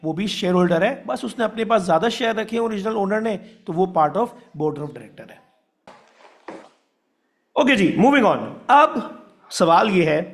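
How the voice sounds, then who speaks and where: A male business teacher, giving a classroom lecture, explaining with worked examples and checking in on whether students follow, and mixing English terms into his talk. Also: high-pitched. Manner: mixes English terms into Hindi-Urdu.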